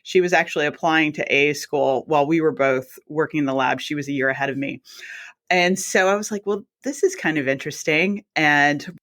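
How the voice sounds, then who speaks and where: A woman in her forties from South Mississippi talks as a guest in a relaxed interview. She tells her story in a chatty way and often acts out what she and others said. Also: sits low, brisk. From South Mississippi, USA. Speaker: guest, anesthesiologist assistant. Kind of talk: casual interview.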